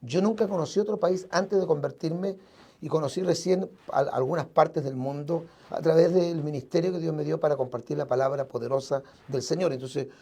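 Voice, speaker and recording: A Chilean-accented pastor speaks to his audience in a mellow, warm tone, his voice sitting a little high for a man. He talks earnestly and casually, often circling back to repeat or restart a word. He is speaking from a radio studio. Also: brisk, breathy edge. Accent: Chilean Spanish. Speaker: evangelical pastor. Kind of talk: casual live broadcast talk to listeners.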